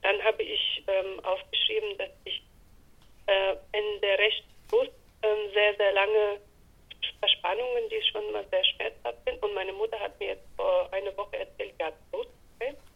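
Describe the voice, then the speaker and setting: Middle-aged woman on speakerphone, gravelly and husky, kinda muffled lo-fi, keeps stopping to find her words. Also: medium pitch, flat delivery. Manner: halting, hesitant, searching for words. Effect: on speakerphone, choppy and muffled over a phone line. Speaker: caller seeking counsel. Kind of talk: personal consultation call. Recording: muffled lo-fi phone line.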